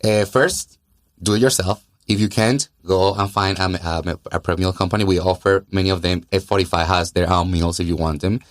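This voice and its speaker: This low-pitched man is a gym owner and fitness trainer from Colombia, in South America, appearing as a guest on a conversational podcast. A native Spanish speaker with a Colombian accent, he explains things earnestly at normal speed with fairly even intonation, often repeating words for emphasis. The studio sound is clean, with no room sound.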